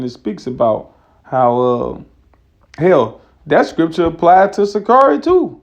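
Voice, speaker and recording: A man teaching scripture in a loose, conversational way, slowing down to read verses aloud. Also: a little high, creaky, darkish tone. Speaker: religious teacher.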